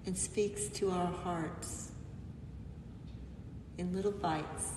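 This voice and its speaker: Lady pastor, soft reflective sermon, kinda far from the mic, big echoey church sound. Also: lowish voice, fairly even intonation, noisy background. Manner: gentle, reflective, pausing often. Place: church sanctuary.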